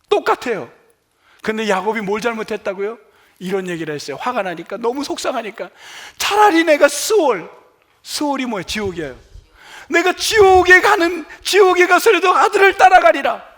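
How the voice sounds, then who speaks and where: A man who is a senior pastor, preaching a sermon in a church, swinging from loud to quiet and acting out quoted cries. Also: very high-pitched. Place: church sanctuary.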